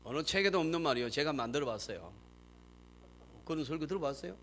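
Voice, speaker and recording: A man preaching a sermon in church as pastor, animated and emphatic, acting out quoted speech. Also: a little high, fast, a little hiss or hum. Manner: acts out quoted speech in dramatic voices.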